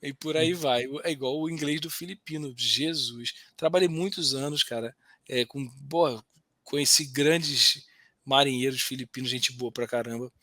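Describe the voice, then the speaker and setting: A man hosting a casual podcast chat, an animated storyteller who slips into slang and acts out the voices he quotes. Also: medium pitch, normal speed, dry recording, studio quality. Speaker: host.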